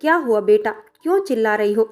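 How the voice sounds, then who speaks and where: A woman voicing a calm father who speaks soothingly and patiently to his angry daughter. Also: a little high, quick pace, faint music behind, lightly acted. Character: gentle, calm older father.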